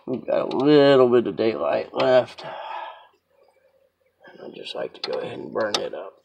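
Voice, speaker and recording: A home mechanic outdoors in a sloped yard walks through a car repair in a casual how-to, talking in a chatty, rambling, self-deprecating way despite a stuffy, sniffly cold. His medium-pitched voice is sing-song and creaky, at a moderate pace, with background noise in the recording.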